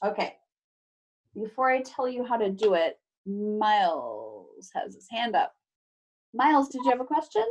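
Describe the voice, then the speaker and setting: A female teacher reads a children's book to pupils over a video call in a remote class, giving playful emphasis and tossing in casual asides while staying expressive and instructive. She has a mid-range voice and a measured pace.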